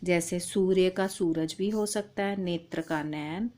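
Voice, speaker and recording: A woman's voice: lowish voice, unhurried, a little mellow. A woman teaching a primary-school language lesson, patiently calling the child "beta". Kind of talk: slow, deliberate primary-school Hindi lesson.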